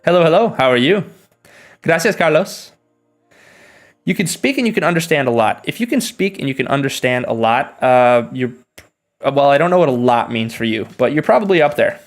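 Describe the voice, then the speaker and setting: A young English teacher from the northern United States, with an American accent, hosts a relaxed bilingual livestream Q&A. He greets viewers and explains with examples, speaking at a medium pitch and normal speed.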